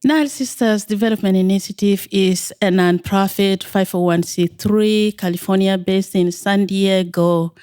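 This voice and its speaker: A middle-aged woman from South Sudan, a nonprofit founder talking as a studio guest in a measured, hesitant way with many fillers. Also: medium pitch, fairly even intonation, darkish tone, clean tone, no echo. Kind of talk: interview. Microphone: studio microphone.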